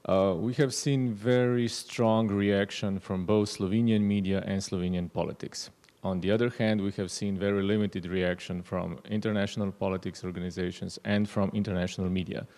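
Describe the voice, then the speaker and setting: A man in his thirties speaks slowly and deliberately into a handheld mic, posing long questions at a university panel. His voice is low and gravelly. The sound rings with the long reverb of a lecture hall. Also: fairly even intonation, a little mellow. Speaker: panelist, journalism academic.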